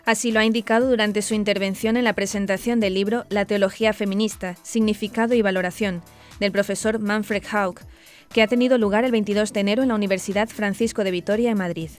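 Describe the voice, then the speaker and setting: At medium pitch and with fairly even intonation, a woman reads a news script formally and evenly. Music is clearly audible in the background.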